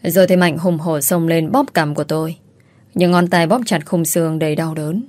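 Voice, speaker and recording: A woman narrating a first-person audio story in a sorrowful, measured way. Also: low-pitched, fairly even intonation, a little mellow, dry recording.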